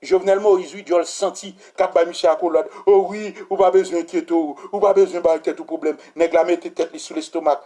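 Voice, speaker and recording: A man with a Haitian accent giving heated, repetitive political commentary that bursts into shouting. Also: a little high, fairly even intonation, a little fast, hardly any pauses. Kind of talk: impassioned political commentary vlog.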